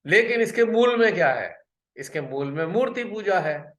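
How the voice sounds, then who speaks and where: A man's voice: sits high, lively intonation, roomy sound. Earnest man giving a spiritual talk. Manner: earnest, pausing, repeats phrases. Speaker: spiritual workshop speaker. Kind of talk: spiritual talk on a video call. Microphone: video call.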